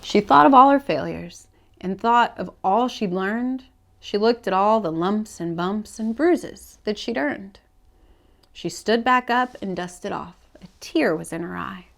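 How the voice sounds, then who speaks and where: At a public library read-aloud, a woman with a creaky, mid-pitched voice presents a children's picture book in rhyming verse, giving each line careful, expressive shape.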